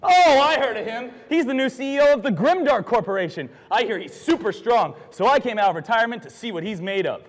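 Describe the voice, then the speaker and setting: Man playing a high, lively veteran fighter. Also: fast, hardly any pauses. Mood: cocky. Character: cocky retired male fighter mentoring a rookie. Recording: echoey hall.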